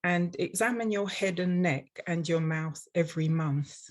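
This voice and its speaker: Giving a prepared webinar as a dental professional, this older woman from London, England, speaks with an English accent in a measured, instructional style. Her voice is on the low side.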